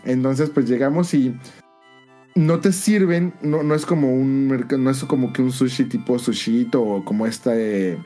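A man's voice: mid-range voice, a little slow, mellow, faint music behind. A man with a Mexican accent telling a long personal story in casual podcast chat, in a colloquial, rambling way.

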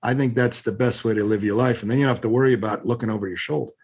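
A middle-aged man in an interview, telling blunt, animated stories and acting out both sides of an argument. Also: medium pitch, racing, slightly rough. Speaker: guest, real estate investor. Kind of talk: conversational interview storytelling.

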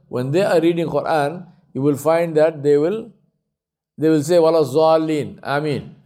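A man delivers a religious lesson in a warm, relaxed tone. He circles back to the same phrases again and again to drive them in. He pauses often on fillers as he thinks. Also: on the high side. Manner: repeats key phrases for emphasis, many fillers. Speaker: speaker at an Islamic centre. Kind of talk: religious talk.

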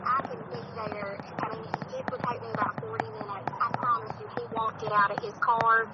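A woman heard through a phone on speakerphone, pleading in a halting, stammering way as a caller. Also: a little high, flat delivery. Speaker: caller, sister of the arrested man. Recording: muffled phone speaker with loud noise.

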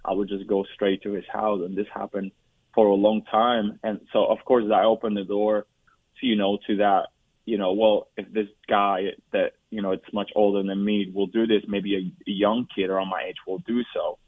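Speaking as an interview guest, a man in his forties from Puerto Rico shares his life story in a personal testimony. He talks in a low, flat tone, stopping and restarting and relying on fillers. There's no room sound, and the recording has a dry, tinny, phone-like quality.

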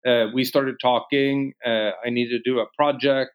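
A man's voice: mid-range voice, clean tone, lo-fi sound. Swedish-born man in his fifties. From Sweden. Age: 50s. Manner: relaxed, many "uh" pauses. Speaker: guest. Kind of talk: interview answers.

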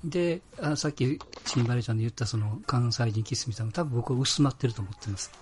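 A man's voice: mid-range voice, quick pace, darkish tone, a little hiss or hum. A man in a casual podcast chat, reflecting hesitantly on his own views. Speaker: podcast panelist.

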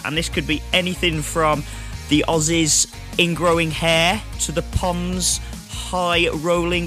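Cheeky bright-voiced English man. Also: sits high. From England. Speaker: podcast co-host. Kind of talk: jokey podcast promo. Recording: faint music bed.

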